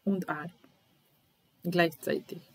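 Lady teaching german real slow, says each line twice then translates, lowish voice. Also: fairly even intonation, husky. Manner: repeats German sentences then translates, patient. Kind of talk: slow language lesson.

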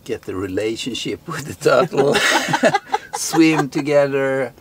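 A man's voice: mid-range voice, lively intonation, takes it slowly, background noise. A middle-aged man from Sweden, Swedish-speaking, chatting casually in English on a sailboat deck, hesitant with many fillers. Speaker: sailing vlogger. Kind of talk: casual chat. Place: outdoors on a sailboat deck in an anchorage.

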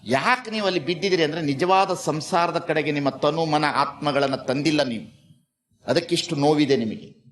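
A man giving a sermon as a spiritual teacher, dramatic and repetitive, swinging between soft and loud. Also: fairly high pitch, normal speed.

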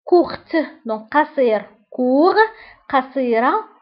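Moroccan-accented female teacher, high voice, very slow repetitive drilling, dull lo-fi audio. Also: animated. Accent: Moroccan Arabic. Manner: slow and deliberate, repeating each word several times. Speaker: French teacher. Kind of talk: vocabulary lesson.

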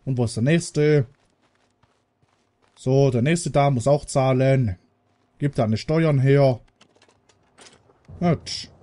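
A man's voice: medium pitch, takes it slowly, pauses often, dark tone. A man from Germany giving casual commentary while playing a video game, chatting to the characters and swearing when startled. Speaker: let's player.

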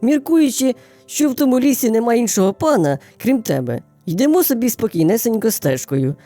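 A woman's voice: fairly high pitch, fairly quick, faint music behind. A woman playing a sly, polite little hare. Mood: flattering. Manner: bowing, flattering, sing-song storytelling. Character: small clever male hare, polite and cunning. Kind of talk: storybook character voice.

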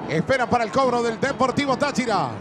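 A man calling football penalties as play-by-play commentator, stretching his goal shouts out long. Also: very high-pitched, fast, noisy background. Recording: broadcast with crowd and music behind.

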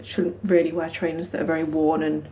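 Chatting to her vlog from a house hallway, a young British woman who runs speaks fairly quickly in a colloquial, self-deprecating way. Her voice is low, level and mellow. The lo-fi audio, picked up by a camera held at arm's length or propped nearby, carries slight background noise.

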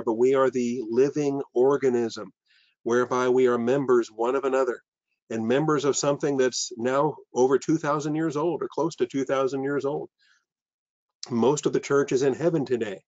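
An older male pastor teaches a sermon over a video call from a room lined with bookshelves, earnest and full of fillers and restarts. His voice is mid-range with a darkish tone and no echo. The webcam audio sounds dull and lo-fi.

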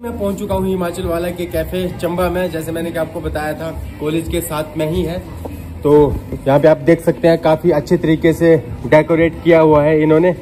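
A man's voice: fairly high pitch, level tone, brisk, dark tone, soft background music. Chatty young man vlogging on the move. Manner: chatty, addresses viewers as guys. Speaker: travel vlogger. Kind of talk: casual vlog narration. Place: outdoors on roads, bus and in a small cafe. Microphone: phone camera at arm's length.

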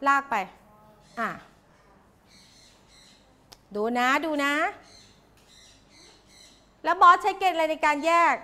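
A woman teaching a class of young pupils, coaxing answers out of them with quick, repeated questions. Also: sits high, animated, sharp tone. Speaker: primary school teacher.

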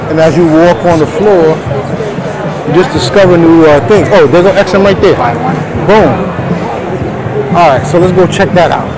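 A man hosts a walk-around vlog in a big, busy indoor convention hall, speaking through a face mask in relaxed slang. His voice sits on the high side, at normal speed with long pauses. The crowded floor makes the recording noisy with chatter and hall noise.

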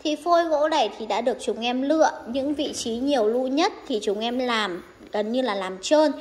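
A young woman showing off a wood carving in an eager, persuasive sales pitch, filmed on a handheld phone. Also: long reverb tail. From northern Vietnam. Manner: eager, persuasive, addresses viewers directly. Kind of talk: product showcase sales pitch. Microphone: handheld phone camera.

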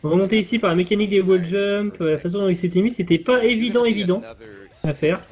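A man with a notably high voice explains a speedrun in measured live commentary. He pauses often with fillers as he builds his explanations. Faint game music sits under his voice. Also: a little mellow, slightly rough.

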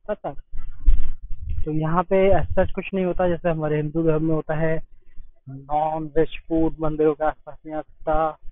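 A young man from India narrates his travel vlog at a temple, chatting and exclaiming as he guides viewers around outdoors. He has a fairly high voice, and the tinny, phone-like recording has no room sound.

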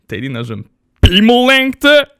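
A man doing casual joking commentary as a YouTuber, playful and self-mocking, swearing and tossing in English phrases, sometimes breaking into loud shouts. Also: sits high, huge pitch swings, slow, background noise. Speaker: YouTuber reacting to fan posts.

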